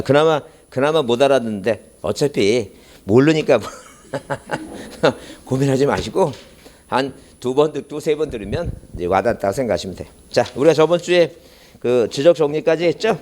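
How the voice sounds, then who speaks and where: A man with a mid-range, somewhat mellow voice speaks expressively at normal speed during an exam-prep lecture at an academy. Wearing the microphone behind a face mask leaves him muffled; he rambles off on tangents, then quizzes the class rhetorically.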